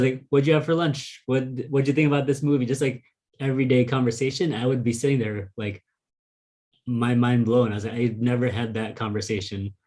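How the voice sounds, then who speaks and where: With a slightly mellow voice on the low side, this man, a native Vietnamese speaker, interviews a fellow author via video call. Their talk is casual, and he reflects as he goes, using many "like" and "um" fillers.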